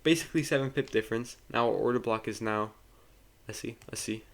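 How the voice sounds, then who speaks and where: A man's voice: medium pitch, a little fast, vocal fry. Man as casual trading tutor, loose and chatty, stumbles and self-corrects, talks straight to viewers. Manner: loose, chatty, often restarts and corrects himself mid-sentence; addresses viewers informally. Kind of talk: casual screen-share trading lesson.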